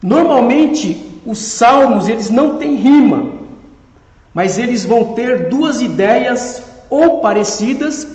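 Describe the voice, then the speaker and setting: Man, Brazilian Portuguese accent, church Bible class teacher, high voice, slow deliberate delivery, echoey church hall. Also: darkish tone. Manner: punctuates points with "Amém?" to the congregation.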